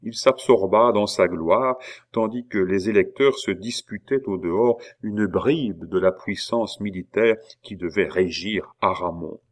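Low-voiced guy reading an old novel out loud, calm and steady. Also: unhurried. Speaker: audiobook narrator. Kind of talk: reading a classic novel aloud.

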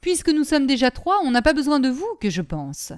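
A woman's voice: high voice, sing-song, pitched above the performer's own voice. A woman doing Nanon, a scolding old servant. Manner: scolding, quarrelsome, quick retorts.

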